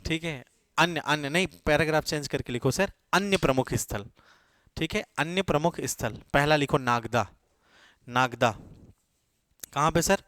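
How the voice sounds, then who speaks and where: A man's voice: fairly high pitch, normal speed, long pauses, fairly bright tone, no room sound, studio quality. A male teacher giving a classroom lecture, dictating notes, repeating key words and checking in with his students.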